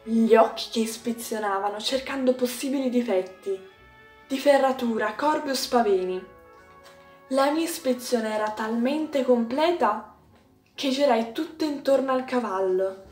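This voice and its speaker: A teenage girl reads a novel aloud in a measured storytelling manner, her voice a little high. She sounds set back from the microphone, with a roomy echo around her. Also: darkish tone. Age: teens. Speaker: student reader. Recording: distant, roomy echo with faint music.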